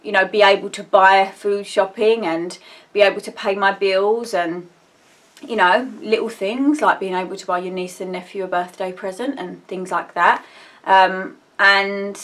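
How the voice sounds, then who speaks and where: A woman's voice: medium pitch, steady tone, unhurried, fairly bright tone. A woman in her thirties with an Essex accent, talking casually to her viewers in a personal vlog, rambling from one subject to the next with lots of ums. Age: 30s. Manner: rambling, chatty, jumps between subjects with many ums. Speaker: vlogger. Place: indoors at home.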